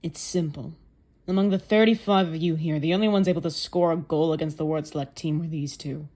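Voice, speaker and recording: A woman's voice: sits low, fairly even intonation, fairly quick, warm tone, voice pushed down. A woman voicing a stern, scheming male football coach who speaks in a cold, blunt, commanding way during a manga reading.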